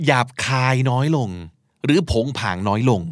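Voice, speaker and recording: A man's voice: mid-range voice, normal speed, no room sound, studio quality. A man hosting a podcast, teaching and explaining vocabulary, spelling out words and acting out short examples. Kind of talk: explanatory language lesson talk.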